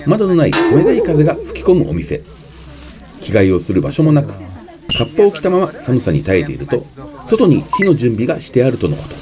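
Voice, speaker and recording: Man's punchy, very animated variety-show voiceover. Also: mid-range voice, fairly quick. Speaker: travel vlogger narrator. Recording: music behind the voice-over. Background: background music.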